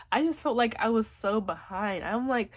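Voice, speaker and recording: Talking to camera in a relaxed advice vlog, a young woman with a head cold and blocked nose sounds husky and slightly breathy, her pitch a little high and her delivery unhurried. She warmly reassures viewers, leaning often on "like" and "literally."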